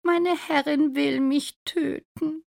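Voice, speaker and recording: A gloomy old cat with a high, thin voice, put on by a woman reading a storybook aloud. It talks in a sighing, doubtful way, tired and weak. It sounds weary rather than lively. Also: slow, creaky, full character voice.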